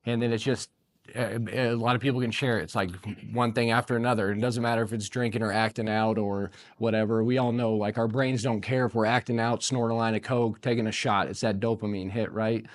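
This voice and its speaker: A man's voice: mid-range voice, dry recording. A man in his forties from the United States talks in a loose, rambling way, leaning on fillers. His voice sits in the middle of the male range. The sound is dry and close. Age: 40s. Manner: loose and rambling, full of fillers, choked up at times. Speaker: guest. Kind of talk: casual interview talk.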